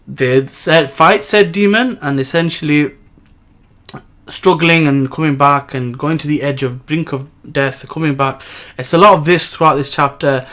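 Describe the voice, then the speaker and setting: A man's voice: on the high side, fairly bright tone. Rambling man recapping a manga chapter. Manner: rambling, frequent fillers and self-corrections. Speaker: manga review host.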